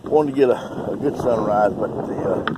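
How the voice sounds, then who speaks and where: A man's voice: on the low side, moderate pace. Chatty man with wind noise. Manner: chatty, talks to his drone, excitable. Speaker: drone hobbyist vlogger. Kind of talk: casual outdoor vlog. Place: outdoors by a lake. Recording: outdoor wind noise on mic.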